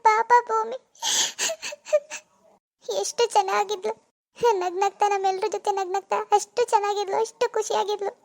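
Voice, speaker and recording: A woman voicing a sorrowful young woman who tells of a friend's death and consoles another in an animated village drama. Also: very high voice, moderate pace, gravelly. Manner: consoling, explaining.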